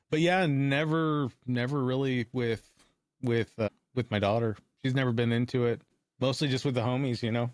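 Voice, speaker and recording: A man's voice: medium pitch, no room sound, clean studio sound. A man co-hosting a podcast, chatting in an easygoing, offhand way. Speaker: podcast co-host. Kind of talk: casual chat.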